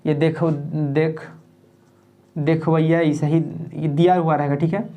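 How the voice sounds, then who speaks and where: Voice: medium pitch, level tone, unhurried, warm tone. Teacher repeating every word with "okay?". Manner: repeats and spells out word parts, frequent "okay?" checks; plain conversational explaining. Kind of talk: exam-prep grammar lesson.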